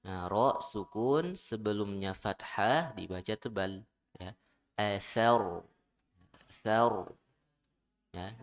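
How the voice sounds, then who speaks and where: A man teaching Quran recitation, modeling each syllable and patiently correcting pronunciation. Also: on the low side. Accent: Indonesian. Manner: repeats syllables slowly and corrects gently.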